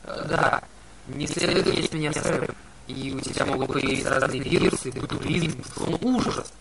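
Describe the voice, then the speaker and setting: A man's voice: mid-range voice, gravelly, heavy background noise, natural voice. A man voicing a nervous teenage male satyr pretending to be a bride, fluttery and pleading. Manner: fluttery, pleading, talks fast when scared.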